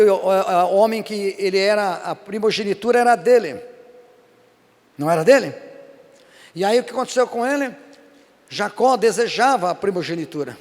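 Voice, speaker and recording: A man's voice: sits high, big-room sound. A man with a Brazilian Portuguese accent preaching a sermon at a church service as pastor, telling stories animatedly and often asking the congregation "amém?".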